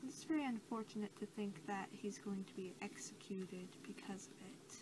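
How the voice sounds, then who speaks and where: A young woman with a medium-pitched voice plays a creature examiner in an ASMR role-play, speaking softly and haltingly, often sinking to a whisper. She's in a small, cluttered room, and the amateur home recording is noisy.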